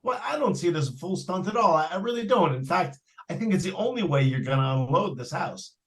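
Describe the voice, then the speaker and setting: In the style of old-time radio suspense, a man plays an eager, chatty salesman trying to unload a haunted house. His high, fairly bright voice has lively intonation and a slightly fast pace, and his pitch is folksy and persuasive, full of colloquial phrasing.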